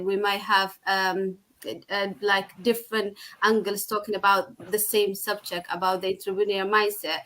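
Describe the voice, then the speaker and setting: A woman from Somalia hosting a live online talk, pausing often with many ums. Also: mid-range voice, a bit bright, poor audio. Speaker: host. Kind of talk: live video chat hosting.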